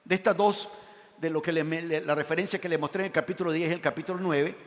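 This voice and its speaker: Pastor preaching in a reverberant church. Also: male voice, quick pace. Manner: asks the congregation questions and reads scripture aloud; animated, swinging between loud emphatic lines and quiet low asides. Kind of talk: sermon. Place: church sanctuary. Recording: long church hall reverb.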